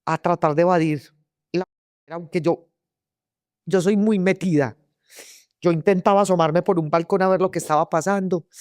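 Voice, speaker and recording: A woman's voice: lowish voice, darkish tone, no room sound, clean studio sound. A Colombian woman telling her story as an interview guest, vivid and full of restarts and repeated words. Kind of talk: personal testimony in an interview.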